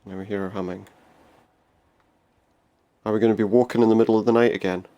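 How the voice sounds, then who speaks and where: A man's voice: fairly low pitch, fairly even intonation, quick pace, dark tone, dull audio. A man giving casual, wry let's play commentary, musing aloud as he goes. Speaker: game player commentator.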